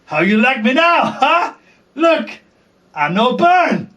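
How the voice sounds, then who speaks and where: A man's voice: extremely high pitch, very animated, slow pace, bright, forceful tone, recorded from a distance, voice pushed up, heavily acted. A man voicing a triumphant young queen who gloats and cackles mockingly. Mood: gloating.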